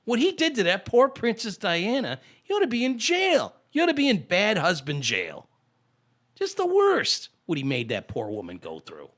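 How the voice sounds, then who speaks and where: A man from the United States hosting a casual comedy podcast, animated and riffing with laughs. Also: sits high, moderate pace. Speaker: podcast host.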